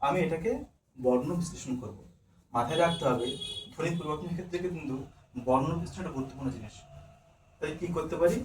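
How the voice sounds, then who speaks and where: This teacher candidate, with a Bengali accent, talks fast in a voice on the high side, leaving long pauses. In his demo lesson he raises questions and responds to them himself. It was recorded from afar in an echoey room with faint background noise.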